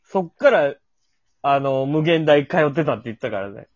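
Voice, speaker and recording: A man with a fairly high voice and a Kansai accent chats casually. His intonation is lively, and the sound is dry and a little dull. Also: moderate pace, no room sound. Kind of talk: casual chat.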